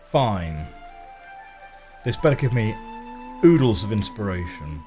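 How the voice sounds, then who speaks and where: A man narrates his video game playthrough in a casual, wry way. His pitch moves in lively swings while he takes his time, with faint music underneath. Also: unhurried. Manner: wry, musing aloud to himself. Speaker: gamer.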